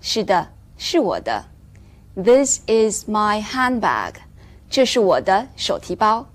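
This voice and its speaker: A woman teaching English to Chinese learners in a recorded lesson, explaining clearly and measuredly and slowing down for the English examples. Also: mid-range voice, very animated.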